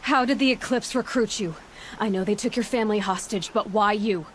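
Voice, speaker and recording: An actress playing a determined young huntress heroine in a video game, speaking directly and guardedly over music. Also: female voice, mid-range voice, brisk, a little hiss or hum, lightly acted. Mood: stern. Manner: direct, stern, probing. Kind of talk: video game cutscene acting. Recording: music behind the voice.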